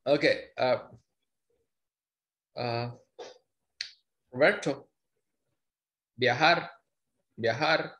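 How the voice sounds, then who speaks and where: A man's voice: mid-range voice, extremely slow, long pauses, fairly bright tone. Playful male tutor. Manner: playful, teasing, mock-dramatic. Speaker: Spanish tutor. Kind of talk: online language lesson.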